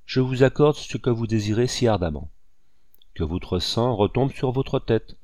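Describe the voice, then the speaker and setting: A man reading aloud voices a commanding male general, speaking forcefully and with agitation. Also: medium pitch, expressive, moderate pace, no room sound, studio quality, lightly acted. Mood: grave.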